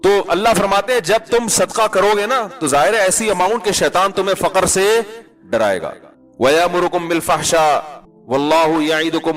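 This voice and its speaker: Male mufti, higher-pitched voice, casual joking sermon delivery, Arabic quotes. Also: fairly bright tone. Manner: chatty, teasing, asks listeners for agreement. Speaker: mufti, Islamic preacher.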